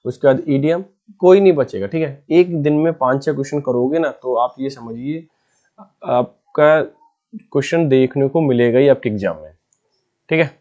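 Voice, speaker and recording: A man teaches exam vocabulary in casual Hindi during an exam-prep lesson, easygoing and patient as he explains each word and checks in with students again and again. His voice is fairly high with a darkish tone, and the sound is lo-fi.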